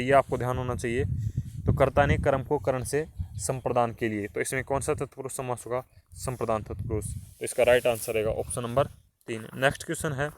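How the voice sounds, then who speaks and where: A male teacher goes through test answers in an online class, explaining step by step and asking rhetorical questions. His voice sits at an ordinary pitch. A clear hiss and some clicks run under the recording.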